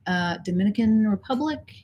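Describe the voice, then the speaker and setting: A woman's voice: mid-range voice, expressive, normal speed, highs cut off, slight background noise. A woman co-hosting a casual cruise livestream from home, chatty and giggly with many fillers. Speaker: co-host of a cruise channel livestream. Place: home indoors.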